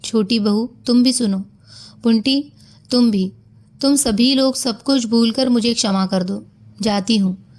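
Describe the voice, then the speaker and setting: A woman reading a dying wife, soft and weary. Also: on the high side, measured pace, lightly acted. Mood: weary, resigned. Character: dying young wife, gentle, forgiving.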